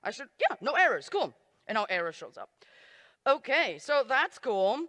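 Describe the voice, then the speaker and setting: A woman talks an audience through live coding in a bright, clear voice, tossing in self-mocking jokes as she types. Her voice rings through a large hall with a long reverb tail. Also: a little high, very animated, moderate pace. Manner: self-deprecating, joking asides while typing. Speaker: conference speaker. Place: conference stage in a large hall.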